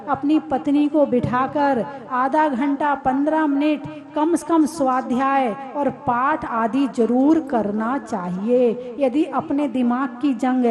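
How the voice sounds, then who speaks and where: A woman who is a Jain nun, giving a conversational, teasing sermon to a live audience and putting questions to the crowd. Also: sits high.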